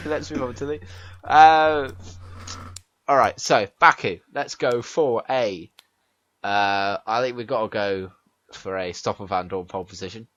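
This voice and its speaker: A man's voice: lowish voice, a little slow, a bit bright, highs cut off. A man co-hosting a podcast in casual banter, joking around and laughing often. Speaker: podcast co-host.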